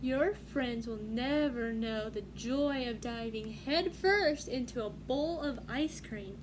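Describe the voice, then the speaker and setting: A woman voicing a gentle, reassuring mother spoon in a children's picture book, soothing and encouraging. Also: on the high side, slow. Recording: clearly noisy room background.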